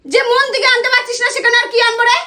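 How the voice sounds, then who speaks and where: A woman with a Bengali accent scolding her husband loudly and insultingly in a comedic quarrel sketch. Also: very high-pitched, fairly even intonation. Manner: scolding, insulting, loud and fast.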